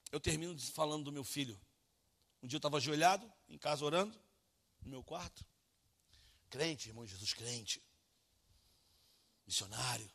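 A Brazilian man preaching an evangelical sermon as a pastor, swinging from soft, hushed lines to loud, impassioned ones. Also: fairly high pitch. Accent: Brazilian Portuguese.

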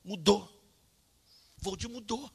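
A man's voice: high voice, a little slow, husky. A Brazilian man preaching, telling a personal story with emotion, repeating phrases and calling listeners brother, with a Brazilian accent. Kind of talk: sermon storytelling.

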